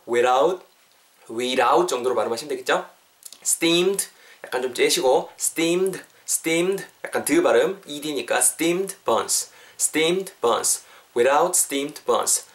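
Male English teacher in a studio video lesson, mid-pitched, coaxing, drills slow English lines for repetition. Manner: lively, coaxing, switches between Korean and slow English.

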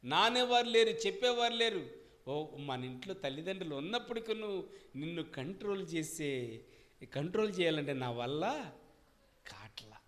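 A man preaching a sermon as pastor to his congregation, swinging between loud emphatic questions and quieter asides. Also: fairly high pitch, animated, moderate pace, pauses often. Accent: Telugu. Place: church service.

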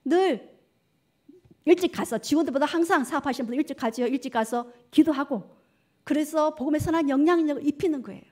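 Woman, pastor, high voice, middle-aged, church sermon, asks and answers questions. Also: fast, warm tone. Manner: call-and-response questions to the congregation. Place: church sanctuary.

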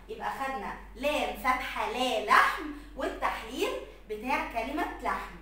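A woman with an Egyptian Arabic accent teaching letters to young children, slowly stretching out sounds and words. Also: fairly high pitch, sharp tone, heavy reverb, recorded from a distance, a little hiss or hum. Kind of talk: recorded lesson for young children.

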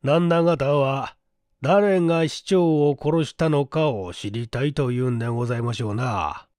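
An actor playing a shrewd, shabby 97-year-old man who talks in slow, folksy old-man speech in an audiobook drama. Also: mid-range voice, a little mellow, no room sound, clean studio sound, lightly acted. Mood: coaxing.

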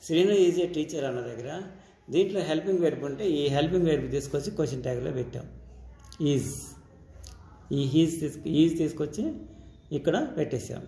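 A man's voice: on the high side, fairly quick, creaky, pauses often, warm tone, roomy sound. A man with a Telugu accent teaching English grammar step by step, checking in with his students as he goes. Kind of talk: classroom-style grammar lesson.

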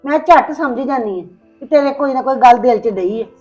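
A middle-aged woman playing a gentle mother who coaxes and comforts her daughter. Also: high-pitched, lively intonation, a little fast. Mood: tender. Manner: soothing, coaxing. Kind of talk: web drama acting. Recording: dull lo-fi with faint music.

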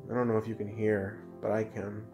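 A man's voice: fairly low pitch, level tone, a little fast, dull audio, over music. A man talking casually to camera at home for a reaction video, rambling and restarting his sentences often. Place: at home indoors.

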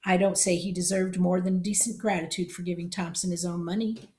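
A woman voicing a burly, angry shopkeeper who shouts and blusters. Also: fairly low pitch, little pitch movement, a little fast, close to an everyday voice. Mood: firm.

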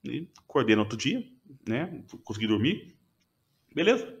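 A man's voice: medium pitch, very animated, normal speed, vocal fry, highs cut off. A man, a podcast guest, earnestly retelling a personal testimony with emotion and frequent restarts.

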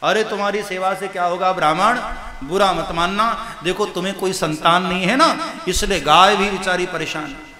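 A man's voice: high voice, fairly even intonation, normal speed, crowd noise, natural voice. A man voicing a teasing, taunting neighbour who needles the Brahmin, in an echoey hall. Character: mocking gossiping neighbours.

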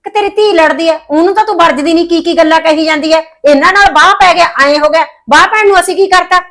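A woman's voice: high-pitched, lively intonation, brisk, a bit bright. An actress playing a quarrelsome, proud middle-aged village mother who scolds and complains indignantly in a family drama. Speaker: mother of a married daughter. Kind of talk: rural family drama acting.

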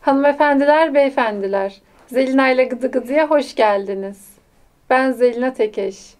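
A woman's voice: high-pitched, normal speed, a little mellow, soft background music. A woman hosting a casual talk show, prompting her guest with teasing questions.

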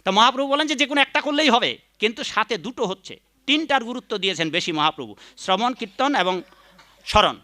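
Male preacher, high bright voice, devotional sermon that breaks into chanting. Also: expressive, a little fast.

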